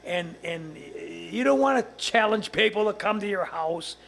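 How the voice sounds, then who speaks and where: A man's voice: sits high, animated, measured pace, gravelly, a bit bright. A man hosting a show in casual studio banter, rambling and stammering as he tells stories.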